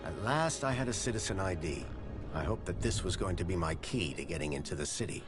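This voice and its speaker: A man's voice: low voice, expressive, fairly quick, over loud music. A man playing a wry, persistent adventure game hero, no longer young, with a dry conversational delivery. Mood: reflective. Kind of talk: video game voice acting and first-person narration.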